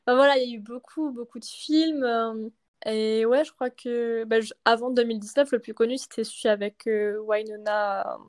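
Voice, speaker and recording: Young french woman rambling on a casual podcast, lots of ums and laughs, kinda high voice. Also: steady tone, moderate pace, darkish tone. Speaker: podcast host. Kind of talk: casual chat.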